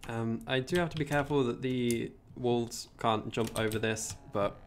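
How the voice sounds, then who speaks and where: A young man from England streams a game and chats casually, rambling about his week and answering viewers by reading their messages aloud. His voice is medium-pitched and his pace normal, with slight background noise.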